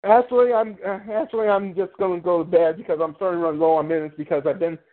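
A man with a high voice calls in to a talk show as a caller and guest for a casual chat. He talks fast with fairly even intonation, but hesitantly and with many restarts, over a tinny phone line.

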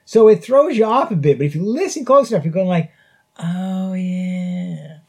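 A man's voice: high-pitched, very animated, fast talker, a little mellow, husky. A man hosting a podcast, reviewing a show in casual chat and chuckling often between phrases. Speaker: podcast host. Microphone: podcast mic.

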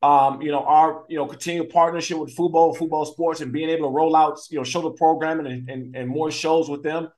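A man guesting on a talk show as an athlete and entrepreneur, talking in a relaxed, rambling way. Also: a little high, brisk, few pauses. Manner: relaxed, rambling, says "man" and "you know". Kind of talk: casual interview chat.

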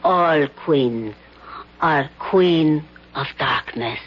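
Husky, humble peasant woman. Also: low-pitched, full character voice. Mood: earnest. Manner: simple, halting, pleading foreign-style English. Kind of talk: dated television drama acting. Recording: muffled old broadcast.

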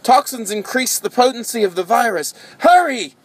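Man playing a nervous frazzled young woman, raised high voice, urgent, tense, storybook reading. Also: lively intonation, normal speed, no echo. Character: frazzled anxious female lab worker.

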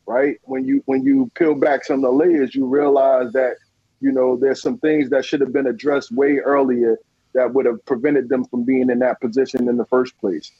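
Earnest husky-voiced man, muffled line. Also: mid-range voice, no echo. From New Jersey. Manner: earnest, repeats words, frequent "you know". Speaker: guest, community leader and victim advocate. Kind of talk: radio interview conversation.

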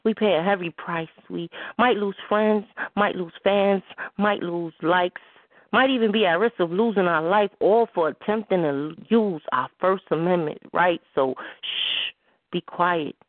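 A woman co-host performing a spoken-word poem with a measured, rhythmic delivery and hushed emphasis. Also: fairly low pitch, dry recording. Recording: phone-line sound with faint noise.

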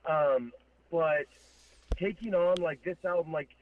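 A man's voice: fairly high pitch, measured pace, slight background noise. A man speaking as a musician guest in a casual interview, reflective and thinking aloud, over a remote call. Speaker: metal band vocalist, interview guest. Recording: thin, phone-like call audio.

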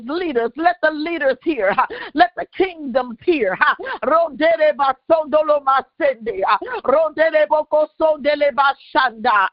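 A woman minister leading a prophetic prayer, praying in tongues and proclaiming decrees in a chanting, repetitive way with frequent shouted bursts. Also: sits high, dry recording. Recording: dull lo-fi recording.

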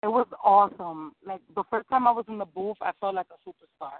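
This singer and rapper guest from New York City talks fast in a medium-pitched voice with no room sound. Upbeat and eager, she laughs readily while answering interview questions, and the audio is dry and tinny like a phone line.

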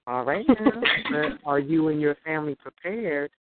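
A woman calling in over a clipped phone line, reciting scripture in a measured, preacherly way. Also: low-pitched, lively intonation. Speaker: caller. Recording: tinny phone line, faint noise.

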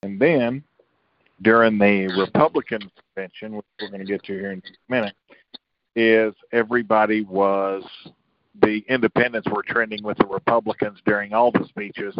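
A man's voice: lowish voice, fairly even intonation, normal speed, dry recording. A man hosting a political talk panel who sums up points and puts questions to the panel. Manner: steers the discussion, asks the panel. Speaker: show host. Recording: dull lo-fi dry recording.

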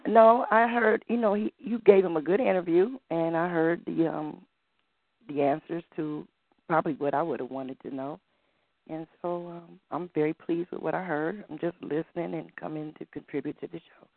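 A woman's voice: sits low, steady tone, moderate pace, no room sound. A woman calling in to a show and performing, with a theatrical, campy, queenly manner. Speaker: caller and spoken-word performer. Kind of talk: phone-in chat and spoken-word performance. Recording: muffled dry phone-line audio.

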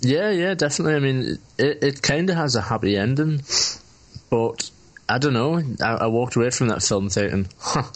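A man's voice: medium pitch, animated, normal speed. A rambling, sweary man co-hosting a casual film review chat. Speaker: podcast co-host.

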